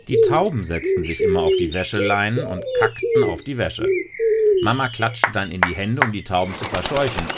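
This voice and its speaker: Lively low-voiced man reading a children's story. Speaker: narrator. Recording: noisy recording with clicks.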